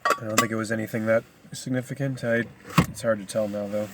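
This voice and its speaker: A man's voice: fairly low pitch, level tone, fairly quick, heavy background noise. A man casually reading a book aloud, rambling into asides and stumbling over hard names. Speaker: reader.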